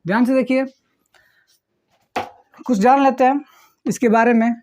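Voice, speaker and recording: A man's voice: extremely high pitch, steady tone, unhurried, a little mellow, a little hiss or hum. A man teaching a grammar lesson online who repeats phrases word by word and keeps checking in with the listener.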